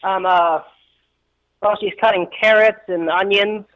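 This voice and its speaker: A fairly high-pitched young man calls in to a radio show, his voice muffled and dulled by the phone line. He stumbles over his first words, then hurries through a long, run-on question. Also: steady tone, a little slow. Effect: calling in over a phone line.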